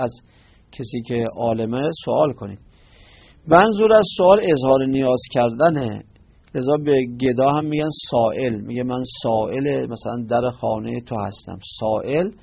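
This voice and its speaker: A man's voice: mid-range voice, creaky, husky. A man giving a religious lesson on word meanings. He explains step by step, quoting Arabic phrases and glossing each one, with frequent restarts and self-corrections. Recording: dull, lo-fi recording.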